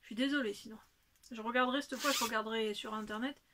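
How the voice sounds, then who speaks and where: A woman's voice: fairly high pitch, fairly even intonation, quick pace, noisy background. A woman hosting a knitting video podcast, talking casually and rambling with many hesitations. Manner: rambling, chatty, full of hesitations. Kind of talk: casual chat.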